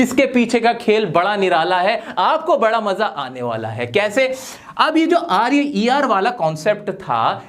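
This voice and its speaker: A man teaching an English grammar lesson, lively, asking questions and answering them himself, explaining slowly with playful little stories. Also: high voice. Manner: lively, asks and answers his own questions.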